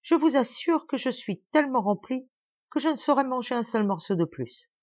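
A woman's voice: high-pitched, lively intonation, moderate pace, a little mellow, dry recording, dull audio, pitched above the performer's own voice. A woman doing a starving, polite poor man. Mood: effusive, polite. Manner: polite, deferential, effusive.

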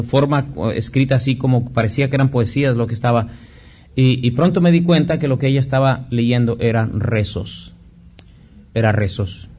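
A man's voice: mid-range voice, darkish tone, a little hiss or hum. A Mexican man preaching a sermon, telling personal stories, acting out dialogue, with frequent restarts. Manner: storytelling preacher who acts out dialogue with many restarts. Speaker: pastor.

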